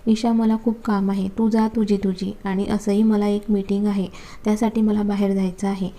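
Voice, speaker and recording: A woman's voice: medium pitch, level tone, normal speed, warm tone, close to an everyday voice. A woman voicing a stern, busy young husband who talks in curt, scolding lines in a storybook reading.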